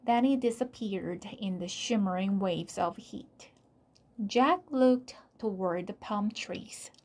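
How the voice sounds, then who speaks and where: A woman whose first language is Korean, reading a children's chapter book aloud in a soft, deliberate storytelling manner. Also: mid-range voice. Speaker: storybook reader.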